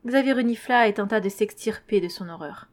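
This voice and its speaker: A woman narrating a tense horror story in a measured reading voice. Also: medium pitch.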